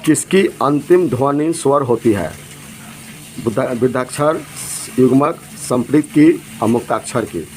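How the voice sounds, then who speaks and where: A man's voice: mid-range voice, animated, unhurried, darkish tone, slight background noise, rough recording. A man teaching an exam lesson, reading out each multiple-choice question and its options, then giving the correct answer.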